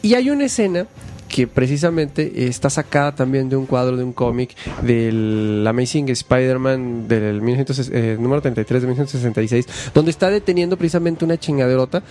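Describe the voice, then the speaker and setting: A Mexican man hosting a casual podcast, chatting in an animated, slangy way and acting out quotes. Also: medium pitch, a little fast. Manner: animated, slangy, acts out quotes in shifting voices. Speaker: podcast host. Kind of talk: casual chat.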